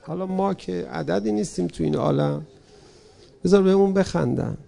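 Fervent gravelly male preacher. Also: high voice. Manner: fervent, swings from loud pleading to hushed. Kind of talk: mourning sermon storytelling.

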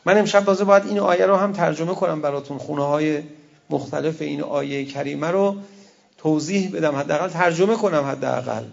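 A man preaching in an easy, conversational way, breaking off for wry asides and quoted verse. His voice sits high for a man and has a gravelly edge. The recording sounds dull and lo-fi. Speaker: cleric. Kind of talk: sermon.

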